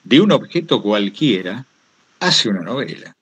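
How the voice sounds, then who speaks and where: A guest storyteller giving a talk, he speaks unhurriedly in a fairly low, very animated voice that's a bit bright with a breathy edge. His Rioplatense Argentine accent colors casual, digressive anecdotes in which he acts out quoted remarks.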